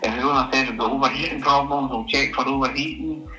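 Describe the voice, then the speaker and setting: A man with a strong Scottish accent from a vehicle inspection company, talking brisk and matter-of-fact over a phone line on a business call. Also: medium pitch, pushed and bright. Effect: heard over a phone line.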